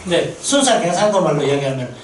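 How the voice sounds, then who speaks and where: A man with a slightly high voice preaches quickly at a mission meeting, serving as a missionary pastor who spins lively stories and asks the congregation questions. The sanctuary sounds roomy, and the rough, distant recording has a little background noise.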